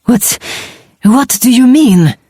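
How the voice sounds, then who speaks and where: Woman putting on a croaking, sleazy male noble. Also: on the high side, expressive, slow, dark tone, no echo, studio quality, pitched above the performer's own voice, full character voice. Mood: panicked. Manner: croaking, panicky threats.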